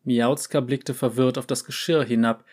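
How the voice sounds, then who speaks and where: A man narrating a short story aloud in a calm, measured way. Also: mid-range voice, breathy edge.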